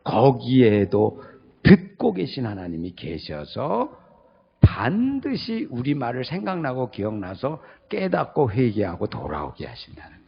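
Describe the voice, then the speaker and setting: A man preaching a sermon as pastor, questioning his congregation and swinging from loud high calls to low murmurs. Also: very animated, measured pace, vocal fry, lo-fi sound, a little hiss or hum. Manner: call-and-response questions to the congregation.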